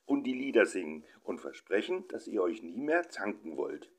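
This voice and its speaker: A man's voice: fairly low pitch, big pitch swings, normal speed. A man voicing a cheeky nine-year-old boy with a Berlin accent who whines and insists. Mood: insistent. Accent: Berlin dialect. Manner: whiny, insistent.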